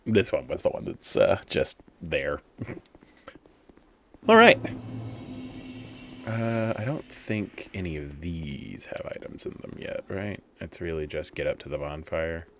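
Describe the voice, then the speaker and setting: A man's voice: a bass voice, normal speed, hardly any pauses, slight background noise. A man giving casual, joking commentary while playing a video game, talking to himself and swearing at enemies.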